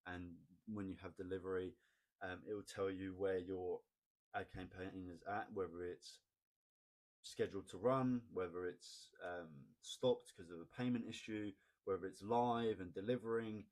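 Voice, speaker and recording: A man explaining ad data in a casual, chatty screen-recorded tutorial, often asking "right?" and pausing on "um". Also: low voice, steady tone, a little mellow. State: has the hiccups. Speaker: online marketing tutor.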